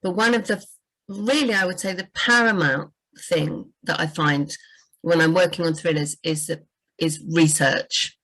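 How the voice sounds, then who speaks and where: Chatty woman with a lowish voice. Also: normal speed, fairly bright tone, rough recording. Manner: chatty, frequent "you know" and restarts. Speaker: book editor and writing coach. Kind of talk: casual livestream chat.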